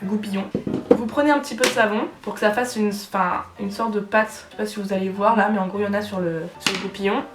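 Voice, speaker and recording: A woman's voice: medium pitch, steady tone, fast, far from the mic, heavy background noise. A young woman chatting casually through a makeup tutorial, giving step-by-step tips with slang. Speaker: makeup vlogger. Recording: echoey room, faint music.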